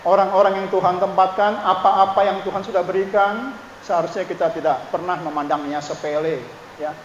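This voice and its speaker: High-voiced man preaching in an echoey hall. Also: steady tone, brisk, a little hiss or hum. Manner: conversational preaching, frequent "ya" and "Saudara" asides. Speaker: pastor. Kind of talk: sermon. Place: church. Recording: dull echoey church hall.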